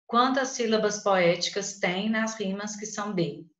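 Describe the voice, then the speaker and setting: A Brazilian woman teaching a literature class online, counting out poetic syllables slowly and deliberately. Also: medium pitch. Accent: Brazilian Portuguese. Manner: slow, syllable-by-syllable scansion. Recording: dull, roomy sound.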